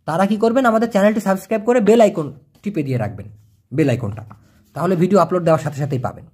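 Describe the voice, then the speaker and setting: A man teaching a casual video lesson, explaining slowly, repeating words and checking that viewers follow. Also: high-pitched. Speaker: language teacher.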